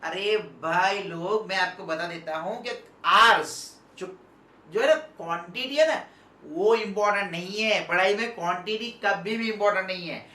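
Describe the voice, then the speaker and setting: Brief: male motivational speaker addressing students, standing and moving around, switches between soft and loud delivery, recorded from a distance in an echoey room. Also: high voice, moderate pace. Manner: keeps checking in with the listener by asking "okay?".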